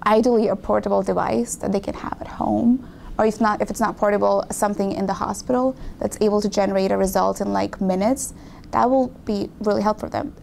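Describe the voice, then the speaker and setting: Young woman from Pakistan, gravelly. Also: medium pitch, darkish tone, a little hiss or hum. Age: young adult. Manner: thoughtful, self-correcting, candid. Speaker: graduate student. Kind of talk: casual interview. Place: small office with windows.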